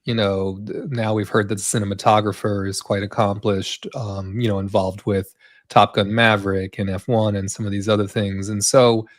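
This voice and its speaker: A man's voice: on the low side, little pitch movement, moderate pace, no room sound, clean studio sound. A man co-hosting a live entertainment news chat, talking in long rambling runs full of fillers and tag questions. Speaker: co-host.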